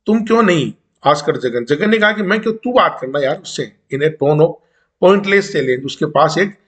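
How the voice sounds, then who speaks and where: A man gives a college literature lecture. He reads English passages aloud slowly, then explains them in casual Hindi. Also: a little high, lively intonation, a bit bright.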